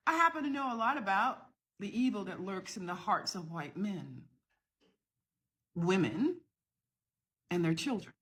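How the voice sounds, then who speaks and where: A woman's voice: mid-range voice, animated, unhurried, pauses often, fairly bright tone, husky. A middle-aged woman from the southern United States, talking to camera in an impassioned, emphatic rebuttal to another video. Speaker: social media creator.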